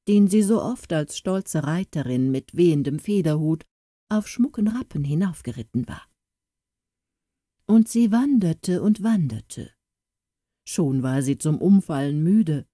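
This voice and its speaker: Slow, expressive woman reading a fairy tale. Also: on the low side, dry recording, clean studio sound. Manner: expressive, slow storytelling with voiced characters. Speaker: audiobook narrator.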